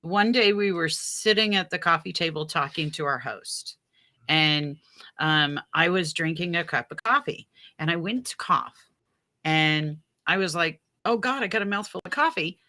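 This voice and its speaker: As a guest on a spiritual radio show, a woman talks casually about her spiritual experiences, sharing anecdotes and acting out pieces of remembered conversations. Her voice is lowish, bright, and forceful, delivered at normal speed.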